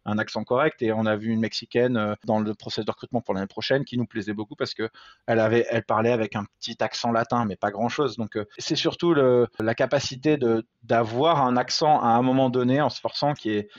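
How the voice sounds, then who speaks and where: A man speaks as a guest in a casual interview, hesitating often and restarting his sentences. His voice sits at an ordinary pitch. The sound is a little dull and lo-fi, with no room echo. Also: steady tone, a little fast. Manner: hesitant, many fillers and restarts; self-deprecating, laughs at himself. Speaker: interview guest, father in a blended family.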